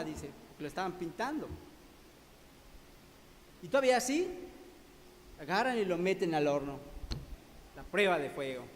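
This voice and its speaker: A man preaching a sermon to his congregation in a church hall, calling them brothers and asking rhetorical questions. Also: high voice. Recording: long hall reverb, faint background noise.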